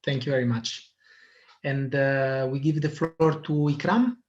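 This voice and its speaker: A man hosts an online meeting, sounding hesitant and using many filler sounds. His voice is medium in pitch and a little slow. The video call audio is muffled and lo-fi.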